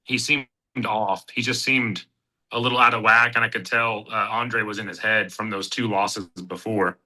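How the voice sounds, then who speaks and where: In a rough recording, the Kansas City fighter, in his thirties, talks as a guest in a lowish, fairly even voice at a moderate pace, sounding pushed and bright. He rambles, using fillers and restarting his thoughts.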